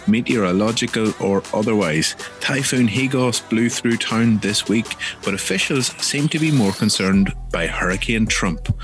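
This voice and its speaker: Low-pitched Northern Irish man hosting a podcast. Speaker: podcast host and journalist. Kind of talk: scripted podcast introduction and interview.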